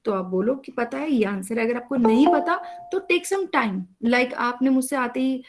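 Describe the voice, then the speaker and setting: Woman lecturer, slightly high voice, patient online class explainer on a video call. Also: a little slow. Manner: explains patiently, often checks with "है ना?". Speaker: college teacher.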